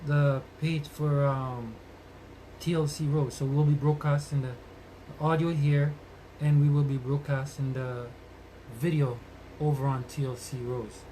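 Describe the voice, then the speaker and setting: A slightly high, slightly mellow male voice belongs to a podcast host live streaming in Rasta-style speech, who blesses his community and repeats phrases for emphasis. He moves around away from the microphone, and the recording is noisy and distant.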